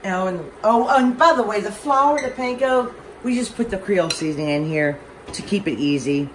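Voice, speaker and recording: Animated and medium-pitched, this Southern woman talks at a normal speed while cooking at home for her vlog. She's chatty, wanders off topic and pokes fun at herself throughout the casual demonstration. An overhead camera watches the stove, and a loud fan keeps the kitchen noisy.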